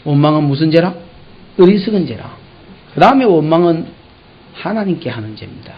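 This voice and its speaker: A male pastor with a Gyeongsang Korean accent preaching an expository sermon, swinging from soft to shouting and acting out quarrels in dialect. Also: on the high side, very animated, brisk, breathy edge, muffled recording.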